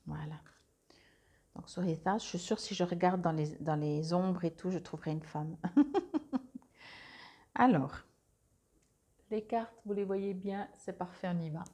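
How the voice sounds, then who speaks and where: A woman's voice: lowish voice, slow, pauses often, warm tone. A woman doing a casual monthly card reading on a clip-on mic, hesitant, with many fillers and restarts. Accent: Swiss French. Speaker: tarot card reader.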